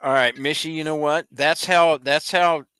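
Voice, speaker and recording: A man co-hosting a casual live stream, folksy and self-deprecating as he rambles. His voice is bright and smooth. The sound is dry and close. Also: a little high, fairly even intonation, moderate pace, no room sound. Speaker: co-host.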